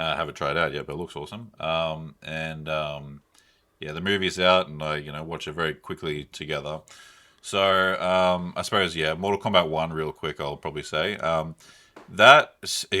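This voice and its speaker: A young man with a very deep, steady voice talks at a moderate pace, his sound pushed and bright. He's co-hosting a podcast, rambling through casual, unscripted film and game reviews full of slang.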